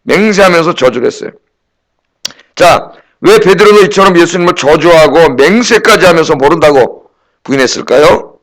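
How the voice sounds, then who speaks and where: A man's voice: on the high side, lively intonation, normal speed, fairly bright tone. A middle-aged man preaching a sermon as pastor, in a conversational way, firing rhetorical questions at the congregation and acting out quoted dialogue.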